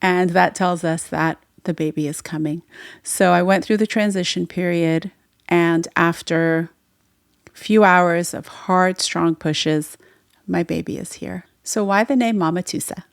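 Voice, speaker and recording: On her solo podcast, this host, a midwife and native Farsi speaker, reflects earnestly on her own story. She speaks a little slowly in a lowish voice with fairly even intonation and vocal fry, her clean tone captured in studio quality without room sound.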